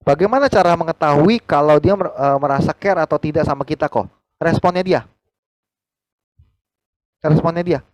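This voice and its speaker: A man, leading a team training over a video call, animated and acting out quoted conversations. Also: no echo, rough recording. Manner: animated, acts out quoted dialogue with big pitch jumps.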